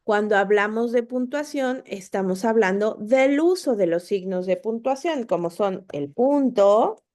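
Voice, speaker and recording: This online tutor's mid-range voice has lively intonation, a measured pace and a slightly mellow quality. She patiently walks students through spelling and punctuation, repeating points and asking "¿ok?" along the way.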